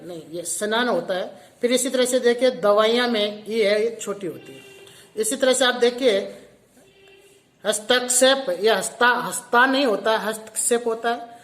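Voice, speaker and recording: A man's voice: high voice, fairly bright tone. A male teacher giving a recorded lesson to seventh graders. He explains each point step by step and repeats every word several times. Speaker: school teacher.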